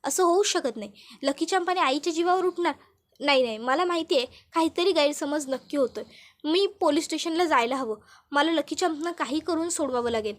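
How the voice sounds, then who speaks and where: A woman's voice: high voice, a little fast, close to an everyday voice. A woman voicing an anxious young man who keeps begging his brother for news, in a TV serial retelling. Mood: shocked. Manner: urgent, repeated pleading questions.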